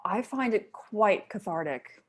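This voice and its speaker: A woman's voice: medium pitch, lively intonation, unhurried. A woman playing a sarcastic, blunt doctor. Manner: dry, cutting sarcasm. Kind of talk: audio drama acting.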